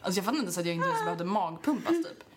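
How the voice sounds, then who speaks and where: A young woman co-hosting a casual podcast, telling an animated story, acting out quotes, laughing often and swearing freely. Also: on the low side, background noise. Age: young adult. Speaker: podcast co-host.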